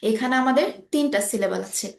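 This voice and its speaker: Woman teacher, high voice, patient and keeps checking in, echoey room sound. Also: brisk, gravelly. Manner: patient, often checking understanding. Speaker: English teacher. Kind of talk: online class explaining English grammar. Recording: roomy echo.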